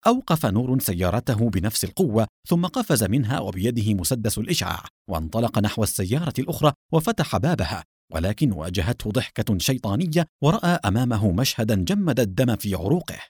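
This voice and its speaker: A man's voice: on the low side, very animated, quick pace, a little mellow, husky, no echo, studio quality. A man giving dramatic, scripted narration of a children's adventure story.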